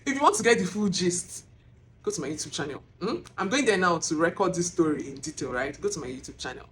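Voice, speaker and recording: A woman with a Nigerian accent filming herself as she tells a personal testimony, emotional and animated, close to tears. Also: fairly low pitch, quick pace, a little hiss or hum. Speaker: vlogger. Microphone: self-filmed camera.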